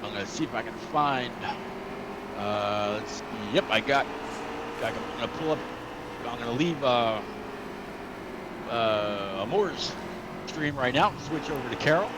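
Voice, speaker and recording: A man doing casual color commentary on a sim race, rambling and halting with lots of "uh"s. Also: medium pitch, lively intonation. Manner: rambling, halting, many "uh"s and restarts. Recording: noticeable background noise.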